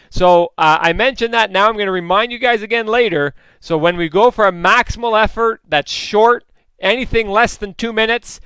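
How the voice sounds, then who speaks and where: A man's voice: sits high, sharp tone, smooth, no room sound, poor audio. A man coaching a live indoor cycling workout, explaining efforts and encouraging riders by name in an upbeat, instructive way.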